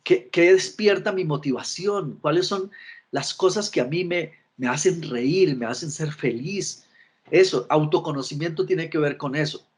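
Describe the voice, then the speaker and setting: A man's voice: fairly high pitch, moderate pace, slightly rough. A middle-aged man giving a virtual lecture on emotional intelligence, often restarting his words and checking in with his listeners. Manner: frequent restarts and repeated words, asks listeners for agreement.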